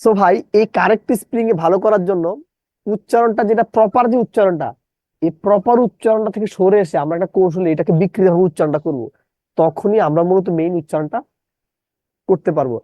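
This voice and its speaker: A man's voice: high-pitched, fast, dry recording, highs cut off. Give me a male English teacher who drills words syllable by syllable. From Bangladesh. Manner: drills students, repeats questions, spells words out syllable by syllable. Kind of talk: live online English lesson.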